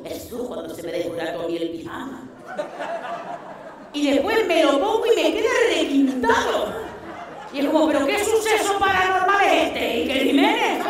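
A middle-aged woman with a Canarian Spanish accent performing stand-up comedy, telling stories in an animated, earthy, blunt way and acting out exchanges. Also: high voice. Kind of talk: stand-up comedy monologue to a live audience. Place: theatre stage, indoors. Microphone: headset microphone. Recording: echoey hall, distant stage sound.

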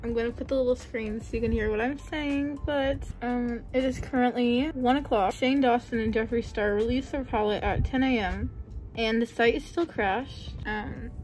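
A woman's voice: fairly high pitch, darkish tone, rough recording. A young woman, groggy from anesthesia, rambles a blunt, complaining vlog rant through a mouth packed with gauze. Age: young adult. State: groggy from anesthesia after dental surgery.

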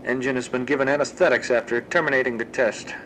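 In this horror fan audio drama, a man reads scripted audio-log narration as a researcher coolly recording grim monster experiments, terse and clinical in tone. His medium-pitched voice is quick, a bit bright, and fairly even, close to how he'd normally talk. The recording is rough, with slight background noise.

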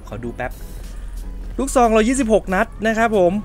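A man hosting a let's play, giving polite, chatty running commentary and often shouting out in surprise. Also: high voice, soft background music. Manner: excitable, quick to shout in surprise. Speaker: gaming channel host.

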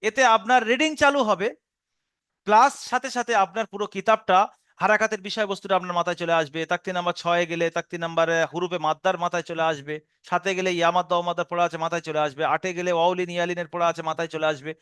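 A man teaching Quran reading with a Bengali accent, explaining each step patiently and spelling out syllables slowly. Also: high-pitched, steady tone, a bit bright, clear, resonant tone, dry recording, clean studio sound. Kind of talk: recorded online lesson.

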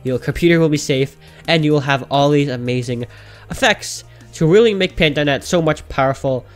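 A man with a nasal, pinched-nose voice casually narrating a software tutorial in an informal, enthusiastic way. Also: on the high side, brisk, soft background music.

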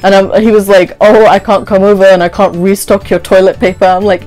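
With soft music in the background and low-quality audio, a woman in her twenties talks briskly at a medium pitch. She's a vlogger in a small indoor bedroom, casually telling a story, voicing the conversations herself and sprinkling in "like" as she goes.

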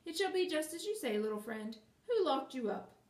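A woman's voice: sits high, big pitch swings, normal speed, darkish tone, voice pushed up. A woman voicing a cheerful, easygoing male scarecrow who talks in a mild, reassuring way, recorded in a roomy space from a distance.

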